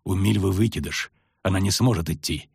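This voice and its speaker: A man voicing a grim middle-aged male witcher who speaks low and clipped through gritted teeth, in an audiobook. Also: fairly quick, creaky, darkish tone, breathy edge, no room sound, clean studio sound, heavily acted.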